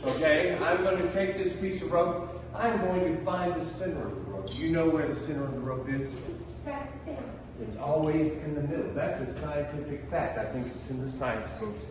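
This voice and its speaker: A man's voice: fairly high pitch, moderate pace. A man working as a children's party magician, giving playful live show patter with mock surprise and coaxing the audience to join in. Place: large reverberant indoor hall. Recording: echoey noisy hall, distant mic.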